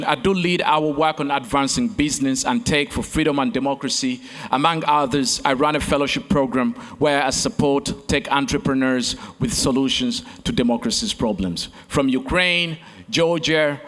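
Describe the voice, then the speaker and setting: A man's voice: medium pitch, moderate pace, fairly bright tone. A man from Uganda, giving a rhetorical keynote speech on a conference stage, with repeated phrases and direct appeals to the crowd. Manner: repetitive oratory, addresses crowd as friends. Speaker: keynote speaker and competition host. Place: large conference hall stage. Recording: long reverb of a large hall.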